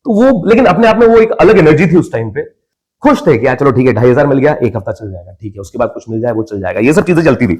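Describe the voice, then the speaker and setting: Fast and slightly rough, with a medium pitch, a young actor from India chats through his life story as a podcast guest. He's an animated storyteller, voicing members of his family as he goes.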